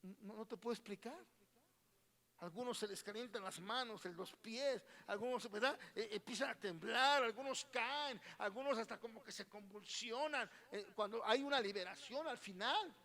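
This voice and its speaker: A man's voice: very high voice, normal speed, few pauses, pushed and bright, big-room sound. A man with a Mexican Spanish accent preaching a sermon as pastor, constantly questioning his congregation and repeating his words. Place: church hall.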